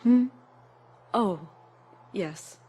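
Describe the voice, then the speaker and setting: Grave, strong-willed princess and mother, raspy edge, medium pitch, science fiction audio drama. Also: expressive, extremely slow, warm tone, full character voice. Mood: troubled, dread. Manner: grave, urgent.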